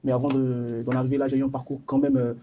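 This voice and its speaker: A confident young man in his twenties presents himself at a quick clip, his voice mellow and kept in a narrow, even range. A faint noise hangs behind him in the room. He sounds like a candidate pitching himself in a job interview. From Ivory Coast. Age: 20s.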